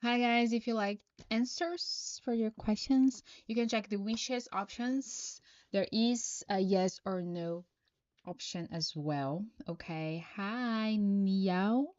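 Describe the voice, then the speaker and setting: A woman from Brazil gives tarot readings on a live stream, speaking English as a second language with a Brazilian Portuguese accent. Her medium-pitched voice is a little mellow as she reads viewer questions aloud and answers at an unhurried, halting pace. The audio is dry and dull.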